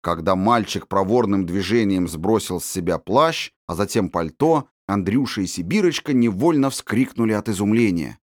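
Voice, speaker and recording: A man narrating a storybook in a measured, descriptive reading. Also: fairly low pitch, animated, no room sound, clean studio sound. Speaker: audiobook narrator.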